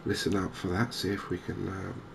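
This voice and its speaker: A gaming channel host from England gives softly spoken, cozy ASMR game commentary. His voice is very low and even, gentle and unhurried, with clear ambient noise in the background.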